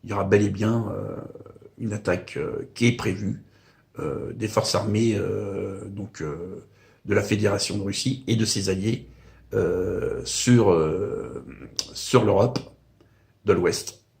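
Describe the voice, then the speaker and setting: This older man from Paris speaks slowly to camera in a low, fairly even voice with vocal fry and a slightly mellow quality. A video blogger at his countryside home, he rambles casually and hesitantly, using frequent "euh" and "hein" fillers.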